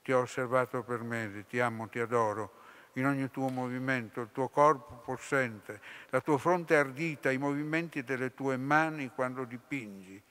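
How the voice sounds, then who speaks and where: A man's voice: mid-range voice, moderate pace, a bit bright, lightly acted. A man reading the part of a seductive female serpent spirit, speaking languidly with a sibilant edge, in a storybook reading. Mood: adoring. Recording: long hall reverb.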